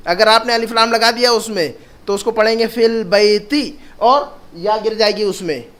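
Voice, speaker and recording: A man teaching an Arabic grammar lesson, patiently repeating each phrase slowly and asking his students questions. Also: high-pitched, fairly bright tone.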